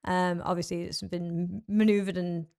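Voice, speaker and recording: A woman's voice: fairly low pitch, flat delivery, normal speed, vocal fry, a little mellow. A woman guest on a podcast, chatting casually about burlesque history, laughing often. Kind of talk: casual chat.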